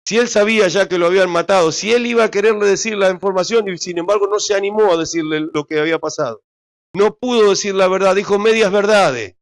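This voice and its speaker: A man's voice: sits high, fast talker. A man preaching a sermon as pastor, retelling scripture in a conversational way and speaking straight to his congregation.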